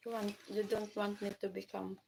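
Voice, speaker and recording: A woman with a Filipino accent chatting casually on a livestream mukbang, chewing while talking in short, halting phrases between bites. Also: mid-range voice, little pitch movement, gravelly, darkish tone, a little hiss or hum, low-quality recording. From Philippines. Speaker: livestream host.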